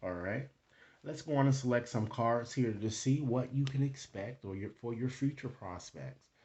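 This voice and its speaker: This is a male online host doing an off-the-cuff tarot reading, his voice medium in pitch and a touch mellow. His delivery comes in halting bits, punctuated often by quick tag questions aimed at viewers.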